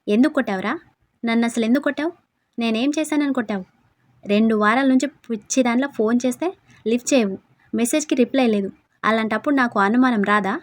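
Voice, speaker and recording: A woman voicing a hurt, fiery young wife who shouts and argues indignantly. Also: a little high, fast, no echo, close to an everyday voice. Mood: angry.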